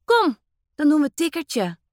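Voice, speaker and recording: A woman voicing an excited little boy at bedtime, eager and bright. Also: sits high, measured pace, no room sound, studio quality, voice pushed up, full character voice.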